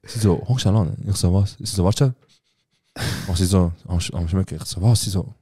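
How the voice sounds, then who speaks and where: A man's voice: sits low, fairly quick, breathy edge. A man with a Swiss German accent, co-hosting a casual podcast chat and telling stories full of acted-out quoted dialogue. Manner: animated storyteller acting out quoted dialogue. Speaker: podcast co-host.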